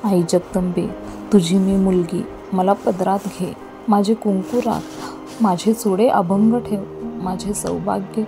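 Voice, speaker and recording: A woman reading an audiobook voices a devout young mother imploring God in prayer, with soft music behind. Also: mid-range voice, fairly even intonation, takes it slowly, vocal fry.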